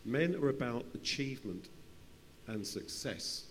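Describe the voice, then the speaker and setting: A man with a mid-range, expressive voice speaks at a measured pace, talking off the cuff during an unscripted conference panel and frequently repeating or restarting his phrases. The session takes place in a large room, and the recording carries hall reverb along with faint hum and noise.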